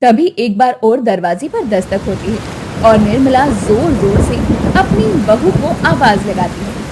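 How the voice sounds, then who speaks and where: A woman narrating a scripted moral story. Her voice is high and quite lively in pitch, and she tells it evenly. A faint noise runs behind her. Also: measured pace.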